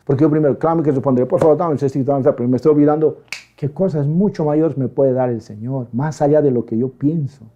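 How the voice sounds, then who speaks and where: A male pastor giving a lively, conversational sermon, acting out quoted voices in quick emphatic bursts. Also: mid-range voice, dull audio.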